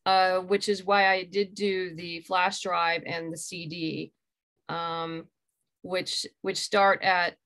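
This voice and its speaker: A middle-aged woman, a graphic novel creator, speaks slowly in a fairly low, level voice with a bit of brightness. As an interview guest on a video call from home, she explains things conversationally through her computer mic.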